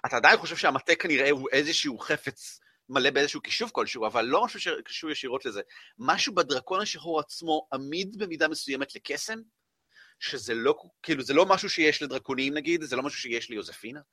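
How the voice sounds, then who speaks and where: Male game master, animated tabletop narration, lots of fillers, bright tone. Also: fairly high pitch, slightly rough, dry recording, clean studio sound. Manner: lively storytelling with many fillers.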